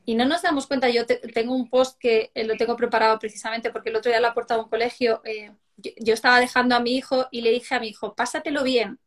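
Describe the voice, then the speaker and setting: Woman host, slightly high voice. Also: steady tone, fast talker. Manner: reflective, hedges with "¿no?". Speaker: host, mother. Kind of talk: live-stream conversation.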